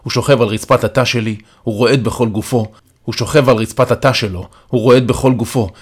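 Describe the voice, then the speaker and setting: A man narrating an audiobook in the first person with a calm, steady storytelling manner. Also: medium pitch, husky. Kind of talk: first-person dramatic reading.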